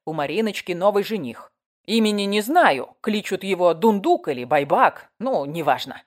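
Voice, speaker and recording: A nosy older woman neighbor, voiced by a woman narrator, all exclamations and scolding in a shrill, animated voice. She talks over everyone, with a lively melody. Pure storybook gossip. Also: normal speed, lightly acted.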